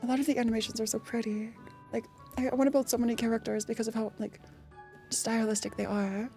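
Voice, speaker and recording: A woman streamer commenting on a game she is playing, chatty and easily excited. Her voice is a touch high with a warm, mellow tone. She often reads the on-screen text aloud between reactions. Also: quick pace, soft background music. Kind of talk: casual live-stream commentary.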